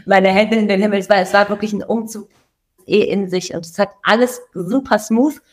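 A woman's voice: medium pitch, steady tone, moderate pace, a crowd in the background. A woman co-hosting a podcast who chats playfully, laughs easily and tells her own stories with dramatic flair. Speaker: podcast co-host. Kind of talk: casual chat.

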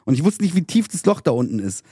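A man's voice: fairly high pitch, big pitch swings, quick pace, warm tone, slightly rough, no room sound, studio quality. A young man co-hosting a podcast, telling a story with mock outrage and plenty of swearing. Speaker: podcast co-host. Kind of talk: casual chat.

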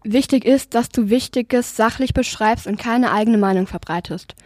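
A woman's voice: a little high, moderate pace, a little mellow, no echo. A woman explaining writing rules in a school presentation, in an instructive way. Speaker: student explaining. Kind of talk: scripted explanation.

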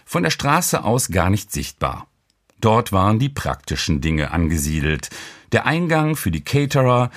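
A man narrating a first-person audiobook in a relaxed, colloquial storytelling manner. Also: fairly low pitch.

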